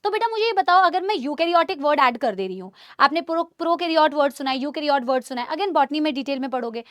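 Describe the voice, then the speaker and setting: A woman teaching biology in a live online class, animated, quizzing students and calling them beta and bhaiya. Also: high voice, fast talker, dry recording, studio quality. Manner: asks the class many questions. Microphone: studio mic.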